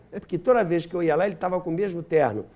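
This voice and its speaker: Heard on a muffled recording, this seventies-aged Brazilian radio historian and author tells lively anecdotes as an interview guest, enthusiastic and nostalgic. His voice is high with a darkish tone, and he talks at a quick pace.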